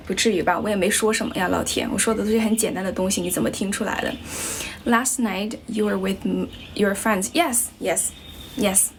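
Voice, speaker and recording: A young woman from Guizhou province, China, teaches English on a livestream, chatting casually as she answers viewers. She has a Chinese accent with a slight American tinge and a medium-pitched voice, and she's relaxed and chatty with lots of fillers like "you know" and "um." Slight background noise is present.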